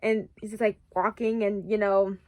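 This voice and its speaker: A young woman vlogger chatting casually, rambling and excitable, with many restarts and emphatic repeats. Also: mid-range voice, normal speed, no echo, studio quality. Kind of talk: casual chat.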